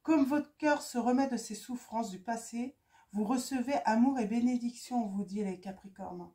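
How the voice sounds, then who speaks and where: A woman giving a casual tarot reading for viewers, talking in a halting way with many fillers and repeated words. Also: on the high side, warm tone. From France. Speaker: tarot card reader. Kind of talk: casual spoken card reading.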